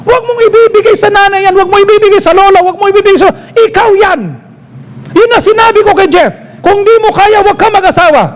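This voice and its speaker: A man's voice: extremely high pitch, fast talker, slight background noise, low-quality recording. A man with a Filipino accent preaching a sermon as pastor, emphatic and exhorting, switching between Tagalog and English. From Philippines.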